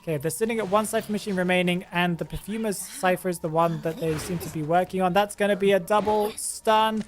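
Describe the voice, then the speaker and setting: With faint music in the background, a channel host gives chatty gameplay commentary in a mid-range voice, talking fairly quickly with hardly any pauses. He reasons out loud and keeps trailing off, then picking the sentence back up from the start.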